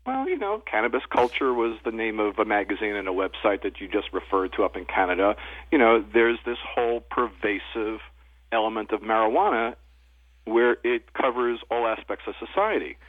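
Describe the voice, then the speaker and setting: A man's voice: fairly low pitch, lively intonation, normal speed, no room sound. A man speaking over the phone as a guest on a radio talk show, easygoing and chatty. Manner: easygoing, talks in loose lists with "you know". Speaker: guest, cannabis journalist and editor. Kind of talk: casual radio interview. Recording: tinny phone line.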